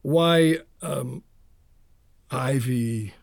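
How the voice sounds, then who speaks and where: A man's voice: mid-range voice, very animated, moderate pace, darkish tone, dry recording, studio quality. A middle-aged actor playing a blunt, plain-spoken small-town father in an audio drama.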